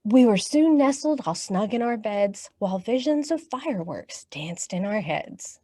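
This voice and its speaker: In a clean studio recording with no room sound, an American woman with a dark-toned, mid-range voice reads aloud a little slowly and with lively intonation. Leading storytime and action songs for young children, she encourages them with direct questions and praise.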